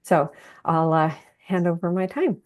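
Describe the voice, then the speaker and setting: Woman presenting a webinar in a lowish voice. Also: a little slow. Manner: conversational, calls for the next slide. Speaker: business founder presenting.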